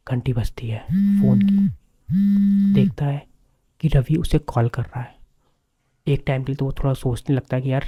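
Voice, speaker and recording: Casual male horror narrator, level delivery, dark mellow tone. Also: mid-range voice. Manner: casual, conversational, repeats filler words. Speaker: storyteller.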